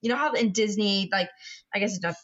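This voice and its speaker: A woman's voice: medium pitch, fast, fairly bright tone, lo-fi sound, a little hiss or hum. A young woman co-hosting a podcast, telling a story animatedly with lots of swearing. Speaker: podcast co-host. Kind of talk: casual chat.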